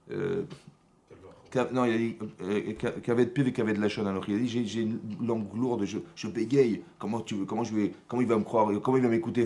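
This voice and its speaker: A male rabbi teaches a lesson in a synagogue, speaking at an even mid-range pitch. He stresses his points insistently and keeps checking that his audience follows him. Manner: animated, repetitive teaching with checks for understanding. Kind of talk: Torah lesson.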